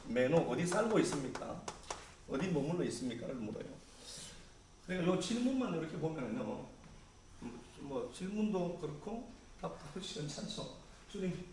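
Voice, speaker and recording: Male pastor, mid-pitched, relaxed conversational sermon; distant mic in a very echoey hall with faint ambience. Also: a little hiss or hum. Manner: conversational preaching, paraphrasing scripture in casual speech.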